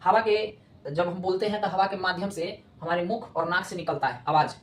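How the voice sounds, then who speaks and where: A woman's voice: fairly low pitch, steady tone, moderate pace. Echoey grammar teacher, woman. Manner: repetitive, checks understanding often. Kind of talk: explanatory classroom lesson. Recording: echoey room with faint noise.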